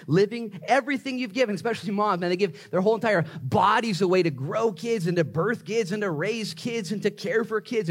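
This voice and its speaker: A man preaching a sermon in an emphatic, motivational way, talking straight to his listeners in conversational language with rhetorical questions. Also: high voice. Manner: emphatic motivational preaching, swinging from hushed asides to raised exclamations. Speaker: pastor preaching.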